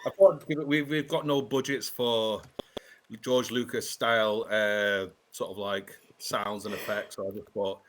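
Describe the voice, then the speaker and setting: A man's voice: on the low side, steady tone, a little slow, fairly bright tone. Jokey man co-hosting, noisy mic. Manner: jokey, laughing. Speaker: podcast co-host. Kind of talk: casual livestream chat.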